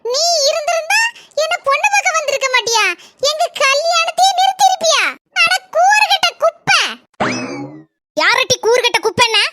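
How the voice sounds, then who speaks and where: A woman voicing a fiery sharp-tongued cartoon wife. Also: very high voice, fast, no room sound. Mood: quarrelsome. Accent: Kanyakumari Tamil. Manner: scolding, bickering.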